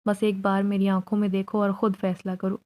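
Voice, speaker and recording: A woman's voice: mid-range voice, monotone, a little mellow, lightly acted. A woman voicing a young male jinn who pleads his love in a spoken horror story. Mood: earnest.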